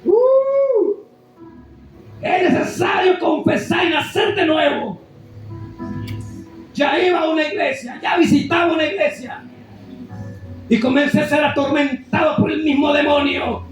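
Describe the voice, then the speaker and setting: A man preaching an impassioned, shouted testimony sermon as an evangelist in a church. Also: very high voice, fairly even intonation, moderate pace, pauses often, heavy reverb, recorded from a distance, soft background music.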